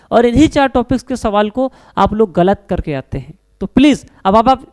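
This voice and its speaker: A man's voice: extremely high pitch, darkish tone, clean tone. A male teacher giving an online chemistry lesson. He asks his own questions and answers them, and often calls the students his children.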